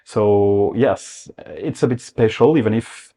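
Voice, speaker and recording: A man with a French accent, speaking halting, thoughtful English as an interview guest explaining his craft. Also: fairly low pitch, dark tone. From France. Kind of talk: conversational interview.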